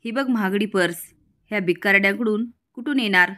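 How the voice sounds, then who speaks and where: A woman voicing a proud, sharp-tongued woman of a wealthy house who accuses the servants. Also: medium pitch, fairly quick, natural voice. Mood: indignant.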